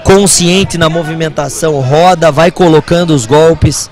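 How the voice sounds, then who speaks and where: A man's voice: fairly high pitch, steady tone, unhurried, darkish tone, soft background music. A Brazilian man giving live kickboxing commentary as a fight commentator.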